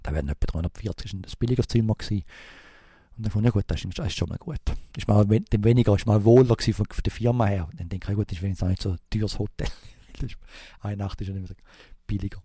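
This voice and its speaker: A man with a Swiss German accent telling a rambling anecdote in a casual way, halting often with fillers and restarts and imitating thumping sounds. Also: lowish voice, dark tone, slightly rough, no room sound, clean studio sound. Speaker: storyteller.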